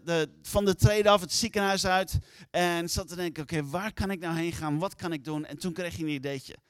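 A man's voice: high-pitched, a bit bright, dry recording. A man preaching, telling a long story and acting out the voices of the people in it. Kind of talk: sermon storytelling.

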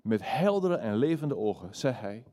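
A man's voice: medium pitch, very animated, normal speed, mellow, natural voice. A man voicing an earnest young woman, the granddaughter of a dying old man, in an eager, raised voice.

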